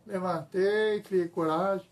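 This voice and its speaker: A man's voice: sits high, fairly even intonation, slow pace. A man telling a church testimony, retelling it emphatically with lots of repetition. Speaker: church member giving testimony. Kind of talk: testimony storytelling.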